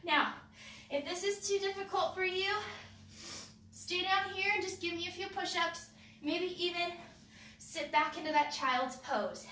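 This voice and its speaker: A fitness instructor leads a live home workout in a very high, pushed, bright voice, upbeat as she cues moves and counts reps at a measured pace with frequent pauses. She sounds sniffly with a runny nose. A distant camera mic in an echoey room picks her up with slight background noise.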